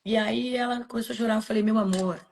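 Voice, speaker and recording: Soft-spoken Brazilian woman telling a story. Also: a little high, steady tone, fast talker, creaky. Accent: Brazilian Portuguese. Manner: soft, subdued, heartfelt. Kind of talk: personal storytelling in podcast chat.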